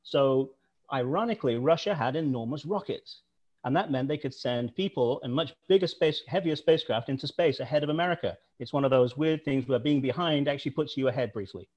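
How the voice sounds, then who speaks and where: A man's voice: mid-range voice, a little fast, darkish tone. A man speaking as a guest on a video call, telling history anecdotes in an enthusiastic, storytelling way. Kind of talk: storytelling talk.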